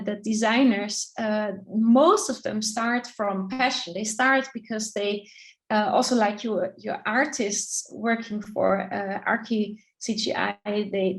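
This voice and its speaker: A middle-aged woman from Austria with an Austrian accent, a business coach answering interview questions thoughtfully, with many pauses and restarts. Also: medium pitch, low-quality recording. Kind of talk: casual interview, video call.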